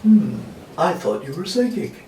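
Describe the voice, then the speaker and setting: A man's voice: fairly high pitch, sing-song, a little slow, mellow. A man voicing a mischievous know-it-all sock puppet in an amateur comic skit, coaxing and mock-instructive. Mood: teasing. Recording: echoey room, distant mic, faint noise.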